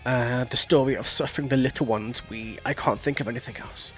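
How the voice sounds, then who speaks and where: Male reaction host, casual, profane, filler-heavy, average pitch. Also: fairly even intonation, brisk, faint music behind. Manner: loose and profane, full of "like" and "you know". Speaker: music reaction channel host. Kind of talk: casual reaction commentary, explaining lyrics.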